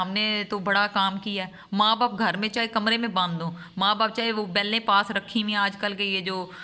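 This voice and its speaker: A vlogger and mother speaks earnestly to her audience in a heartfelt monologue, driving her points home with long strings of repeated phrases. Her voice is fairly high, pushed, and bright.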